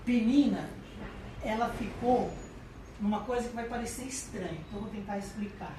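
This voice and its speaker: A woman with a Brazilian accent giving a humorous motivational talk to an audience. She is chatty and animated and acts out voices. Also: on the high side, moderate pace. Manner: chatty, tags lines with "né". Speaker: lecturer. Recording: echoey, mic far off, background noise.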